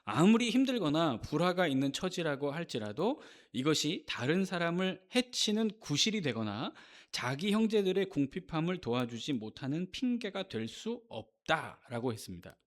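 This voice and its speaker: A man's voice: on the high side, very animated, normal speed. A male pastor giving a Sunday sermon in a church, emphatic and firing off rhetorical questions at the congregation. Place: church sanctuary.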